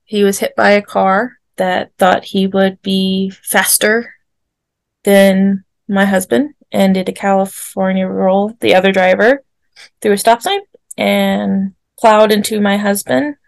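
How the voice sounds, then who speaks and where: A woman in her forties telling a personal story on a podcast, animated and laughing often as she acts out what people said. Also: medium pitch, takes it slowly, creaky, dry recording. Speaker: podcast guest. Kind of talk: casual storytelling.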